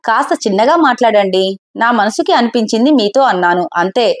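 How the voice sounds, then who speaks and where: A woman voicing a gentle older mother on pilgrimage who coaxes her husband softly and gives calm advice. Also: a little high, a little fast, lightly acted. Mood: coaxing. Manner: soft, soothing, coaxing.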